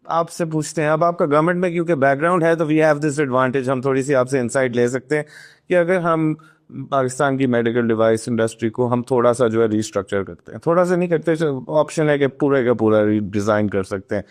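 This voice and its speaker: A man hosting a podcast, asking long, searching questions that pick up on what his guest has said. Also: medium pitch. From Pakistan. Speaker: podcast host. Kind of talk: podcast interview, mixing Urdu and English.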